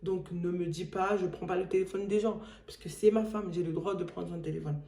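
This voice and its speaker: A man's voice: high-pitched, fairly even intonation, brisk, creaky, mellow, roomy sound. A woman acting out her angry, protective husband threatening a caller on the phone, in an insistent, menacing way.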